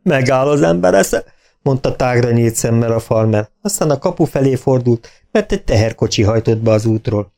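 A man narrating an audiobook in a calm, even storytelling manner. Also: medium pitch.

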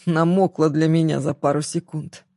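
A woman voicing an arrogant young man in an audiobook, speaking low, quiet and mocking. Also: flat delivery, normal speed, no room sound, clean studio sound.

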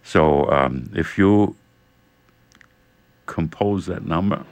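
A man co-hosting a radio chat speaks in an extremely deep voice. He talks in a halting, hesitant way, and the sound is dry and close. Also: dry recording. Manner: hesitant, halting, full of restarts. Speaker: radio co-host. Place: radio studio.

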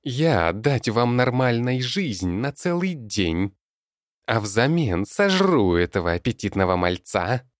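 A man voicing a cruel male goblin master with a high, screechy voice and mocking, broken speech, in an audiobook. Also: big pitch swings, takes it slowly, dry recording, studio quality. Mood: menacing. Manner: mocking, broken grammar, yelling.

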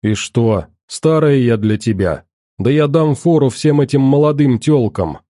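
Male reader doing a bitter widow, middle-aged, hostile, swearing, dark tone. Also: mid-range voice, expressive, measured pace, no echo, studio quality, pitched above the performer's own voice, natural voice. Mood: defiant. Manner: hostile, shouting insults. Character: bitter despairing middle-aged woman, foul-mouthed.

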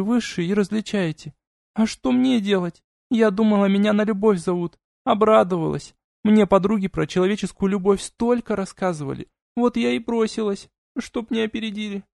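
Naive young succubus, high and wheedling, voiced by a male reader. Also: creaky, a little mellow, dry recording, clean studio sound. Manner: pleading, childlike and wheedling.

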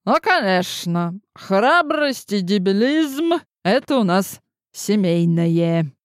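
A woman voicing a sharp-tongued, bossy old grandmother in an audiobook, speaking slowly and mockingly. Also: medium pitch, very animated, no echo, studio quality. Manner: gruff, mocking, slow and deliberate. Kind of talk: audiobook character voice.

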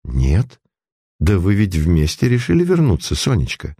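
A man reading the lines of a middle-aged mother in a storybook, in a low, soothing tone. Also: huge pitch swings, measured pace, mellow, breathy edge, no room sound, studio quality, exaggerated voice. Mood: bewildered. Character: middle-aged mother, calm then bewildered.

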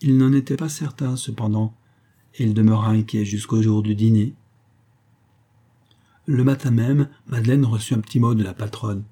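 A man reads a classic novel aloud in a calm, measured way. His voice is very dark and mellow, a little low and slightly husky. He raises his pitch a little to set off the characters' dialogue. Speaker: audiobook narrator. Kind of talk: literary audiobook reading.

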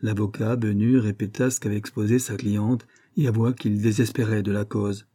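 A man reading a saint's legend aloud as an audiobook, in a measured, deliberate way. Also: fairly low pitch, little pitch movement, warm tone, husky. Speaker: audiobook reader. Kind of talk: storybook narration of a saint's legend.

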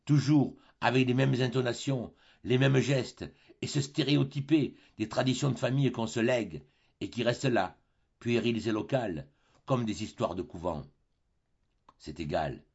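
A man reading a classic story aloud as an audiobook narrator, in a measured, expressive way with a husky voice. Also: on the low side, muffled recording. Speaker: audiobook reader.

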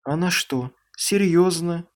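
A man's voice: on the high side, slow, pitched above the performer's own voice. A man reading an audiobook, voicing a sleepy, innocent girl who sounds puzzled. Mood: bewildered.

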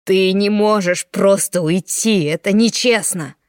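A woman's voice: medium pitch, unhurried, no room sound, natural voice. A woman voicing a distraught young man who pleads and sobs, in a dry close recording. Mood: shouting. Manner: pleading, tearful, insistent.

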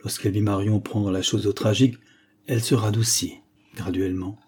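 A man narrating a novel in a measured, even reading voice. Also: fairly low pitch, husky. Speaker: audiobook narrator. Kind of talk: storybook narration.

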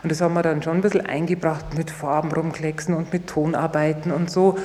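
A woman's voice: deep voice, fairly even intonation, fairly quick, darkish tone, big-room sound. A woman recalling her past in a chatty, somewhat hesitant radio interview. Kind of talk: casual recollection.

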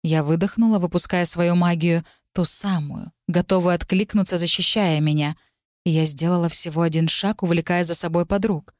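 A woman reading a first-person fantasy story aloud, dramatic and tense, with sharp shouted lines for the characters. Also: on the low side, fairly even intonation, normal speed, no echo, clean studio sound. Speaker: audiobook narrator.

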